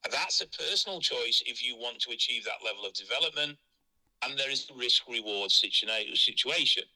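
A man's voice: medium pitch, lively intonation, moderate pace, bright, forceful tone. A man speaking bluntly and frankly as an interviewee, heard over a phone line. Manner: blunt, frank and matter-of-fact.

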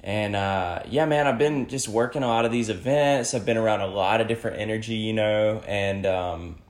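A laid-back young man chats easily, dropping "man" and "bro" as he goes. His voice sits somewhat low. The sound is roomy and echoey. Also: moderate pace. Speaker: podcast co-host. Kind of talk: casual chat. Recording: echoey room.

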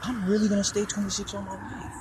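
A man in his twenties, walking beside a road with traffic passing, records a casual personal monologue for his podcast. His voice is high-pitched and monotone, and he talks quickly, rambling and swearing freely.

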